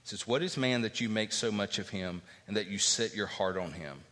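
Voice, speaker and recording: Preaching man, bright voice, reverberant hall. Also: a little fast. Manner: expository preaching, reads scripture aloud, rises in pitch for emphasis. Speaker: pastor. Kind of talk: sermon.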